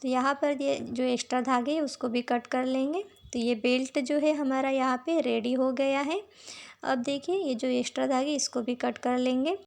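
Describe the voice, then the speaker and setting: A woman with a sore throat, calmly walking viewers through a sewing tutorial step by step. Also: sits high, moderate pace, gravelly. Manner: patient, repeats "dekhiye" while showing each step. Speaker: sewing teacher.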